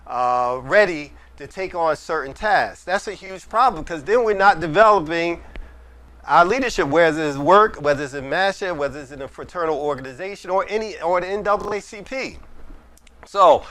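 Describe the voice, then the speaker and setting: A man's voice: a little high, fairly bright tone. Earnest middle-aged man giving advice. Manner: earnest, advising, repeats phrases. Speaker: speaker answering audience questions. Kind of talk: community Q&A talk. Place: mosque hall with audience.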